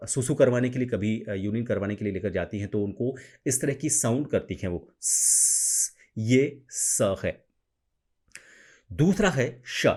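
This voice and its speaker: A man giving a pronunciation lesson, speaking slowly and carefully and showing each sound himself. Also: mid-range voice, dark tone. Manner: slow, careful, demonstrates sounds. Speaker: teacher of pronunciation. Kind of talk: spoken tutorial to camera.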